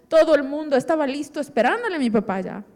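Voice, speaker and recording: A woman's voice: high-pitched, expressive, fast talker, darkish tone, long reverb tail. A middle-aged woman giving an emotional personal testimony in church and vividly acting out remembered dialogue. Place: church hall.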